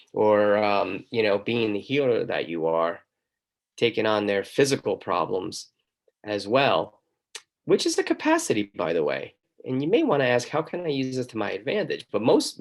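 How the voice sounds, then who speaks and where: A man hosting a talk show, speaking in an emphatic monologue and asking the listener many questions. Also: mid-range voice. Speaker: host. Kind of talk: motivational monologue.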